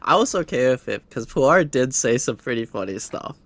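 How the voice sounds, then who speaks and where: A man's voice: medium pitch, very animated, moderate pace, fairly bright tone, no room sound. A man co-hosting a casual podcast, chatting in a laid-back way and telling personal stories. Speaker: podcast co-host.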